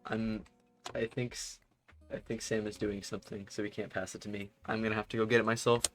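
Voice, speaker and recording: A man's voice: on the low side, flat delivery, brisk, soft background music. A young adult man streaming live, chatting casually with his audience in a rambling way and laughing often.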